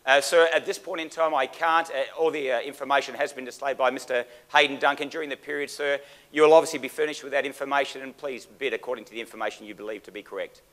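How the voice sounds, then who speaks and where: A man's voice: mid-range voice, steady tone, quick pace, a bit bright. A man speaking as an auctioneer, with formal, theatrical delivery and dramatic emphasis. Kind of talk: auctioneer's performance: theatrical sales pitch and bid calling.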